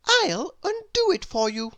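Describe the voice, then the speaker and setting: Woman doing high, chirpy know-it-all Little Miss Brainy. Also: very animated, fairly bright tone, no room sound, full character voice. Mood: eager. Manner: chirpy, confident, quick to answer.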